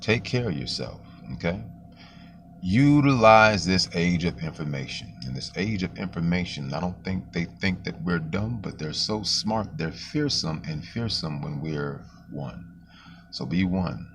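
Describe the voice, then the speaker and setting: A man talking casually in a loose, slangy monologue, his voice deepened and roughened by the flu. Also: animated, a little slow, a little hiss or hum. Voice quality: very deep, gravelly voice. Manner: loose, street-slang talk with frequent fillers and swearing. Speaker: vlogger.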